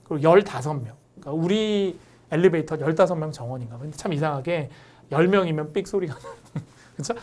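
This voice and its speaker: A young woman English teacher giving an online lecture, explaining pronunciation through lively stories. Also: low-pitched.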